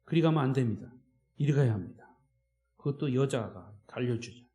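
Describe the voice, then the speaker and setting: A man's voice: medium pitch, lively intonation, normal speed, mellow, echoey room. A man preaching a sermon as pastor, emphatic, with repetition and rhetorical questions. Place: church sanctuary.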